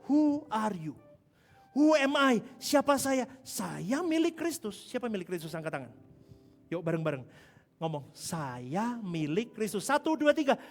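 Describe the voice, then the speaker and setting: Very high-voiced preacher in a reverberant hall. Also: male voice. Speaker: pastor. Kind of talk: sermon. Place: large church hall. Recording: long hall reverb with music behind.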